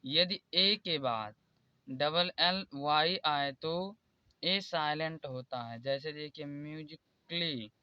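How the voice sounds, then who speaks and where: A man teaching English spelling rules in a slow, repetitive way and pointing out examples one by one. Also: on the high side, pushed and bright, clean tone, no room sound, dull audio. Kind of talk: explaining spelling rules in Hindi.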